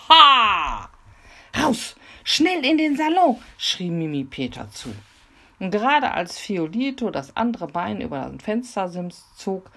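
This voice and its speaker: Low-voiced, expressive woman storyteller. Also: creaky, slightly rough. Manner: dramatic, expressive reading. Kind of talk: reading a children's story aloud.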